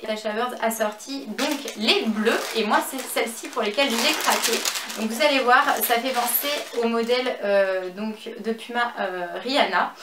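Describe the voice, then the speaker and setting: A French woman chatting through a fashion and beauty haul at home, with many fillers and a slow pace over each item. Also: fairly high pitch. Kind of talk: casual haul vlog. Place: home office and makeup room. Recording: echoey room, faint background noise.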